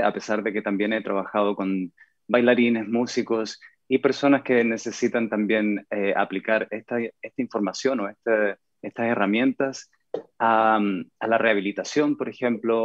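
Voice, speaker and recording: A man's voice: mid-range voice, no room sound. Chilean man on dull, dry call audio. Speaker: actor and Alexander Technique teacher. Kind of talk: panel introduction over video call. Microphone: video call.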